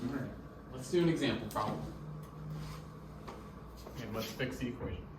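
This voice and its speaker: A man's voice: medium pitch, normal speed. A young man talking as a physics student, working through a problem in a casual student skit. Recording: echoey room, distant mic, clear noise.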